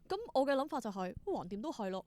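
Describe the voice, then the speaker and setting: Speaking quickly and expressively in a slightly high, somewhat mellow voice, a woman with a Hong Kong Cantonese accent tells stories as an interview guest. She is a theatre performer and creator who keeps things casual and acts out bits of dialogue.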